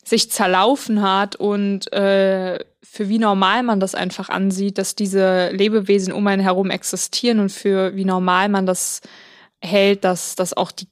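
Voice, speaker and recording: A woman's voice: medium pitch, little pitch movement, a little slow. A young woman co-hosting a podcast in casual chat, playful and a little sarcastic. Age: young adult. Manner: playful, self-described sarcastic. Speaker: podcast co-host.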